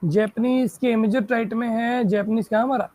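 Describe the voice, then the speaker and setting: A woman teaching a live online reasoning class. She keeps checking whether students follow and praises them, and she reads English questions out slowly before explaining them in Hindi. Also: a little high, fairly even intonation, warm tone, dry recording. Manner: checks in constantly, praising and asking if it is clear.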